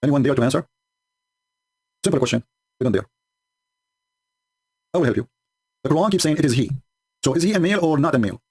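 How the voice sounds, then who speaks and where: A man's voice: fairly high pitch, expressive, fast talker, pauses often, a little mellow, breathy edge. A man whose first language is not English, hosting a livestream and mocking his opponents sarcastically, with frequent laughs and broken English. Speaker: host.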